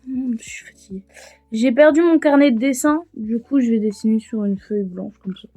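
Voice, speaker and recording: A woman's voice: on the high side, a little fast, mellow, soft background music. A young woman from France vlogging on her phone, rambling and joking at herself in a casual way. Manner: rambling, self-mocking and chatty. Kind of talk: casual vlog chat. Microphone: handheld phone.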